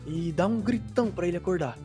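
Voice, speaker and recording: A woman's voice: fairly low pitch, animated, fast, mellow, soft background music, lightly acted. Woman voicing a bossy playful boy. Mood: scheming. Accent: Brazilian Portuguese. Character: scheming playful boy Vitinho. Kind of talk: Minecraft role-play.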